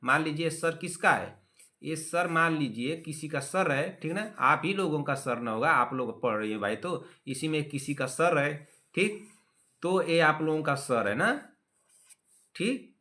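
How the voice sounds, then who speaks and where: Young male tutor, bright and slightly high voice, scolds and teases his class, repeats key words. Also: lively intonation, a little slow. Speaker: teacher. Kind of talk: online exam-prep class.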